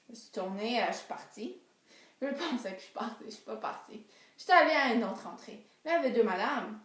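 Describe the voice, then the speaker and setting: Animated high-voiced young woman storyteller. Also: a little fast, recorded from a distance. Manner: animated, swinging from hushed asides to excited cries. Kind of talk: performed comic monologue. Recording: roomy echo.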